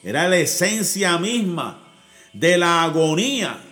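A pastor preaching a sermon, who often repeats words and asks the congregation "right?". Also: male voice, sits high, very animated, slow pace, sharp tone, soft background music.

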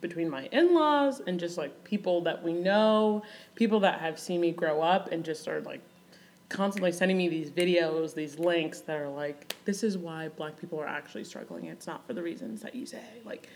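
Chatty young woman, low-pitched. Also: moderate pace, darkish tone. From Kenya, raised in Michigan. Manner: chatty, laughs often, many "like" fillers. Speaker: guest. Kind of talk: casual podcast conversation.

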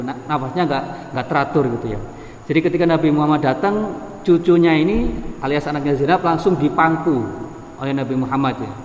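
A man with a Javanese accent giving a religious lesson. He chants Arabic text slowly and then explains it in relaxed, conversational speech. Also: on the high side. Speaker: ustadz teaching a hadith book. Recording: echoey room, long reverb, faint noise.

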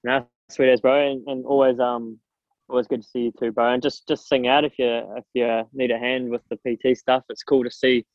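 Young male, broad Kiwi accent, mid-pitched, earnest and slangy interview guest. Dry, slightly muffled sound. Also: flat delivery, brisk, no room sound. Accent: broad New Zealand. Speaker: strength and conditioning coach, guest. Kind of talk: casual interview chat.

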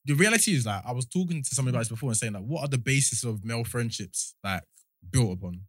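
A man's voice: medium pitch, animated, very fast, dry recording, studio quality. A young man with a London roadman accent, talking casually in a slangy, discursive way. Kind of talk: casual chat.

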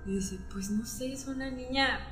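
A woman's voice: high voice, normal speed. A woman with a Mexican accent telling a story in casual chat, acting out the voices of the people in it. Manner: animated storytelling, acting out quoted dialogue. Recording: roomy echo, faint music.

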